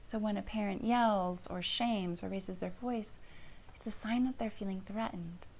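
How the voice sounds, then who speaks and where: A middle-aged woman, a family therapist, giving a calm parenting lesson in a soft, often hushed voice. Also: medium pitch, measured pace.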